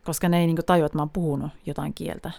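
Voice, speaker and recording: A woman's voice: deep voice, level tone, gravelly, mellow, no echo. A woman from Finland hosting a podcast, telling wry, chatty stories in a casual monologue with frequent laughs. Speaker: podcast host.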